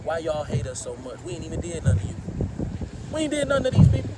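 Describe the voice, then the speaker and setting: A man's voice: on the high side, big pitch swings, fast talker. A man preaching heatedly to a passerby outdoors, firing off rhetorical questions and profanity. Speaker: street preacher. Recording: loud wind noise on the mic.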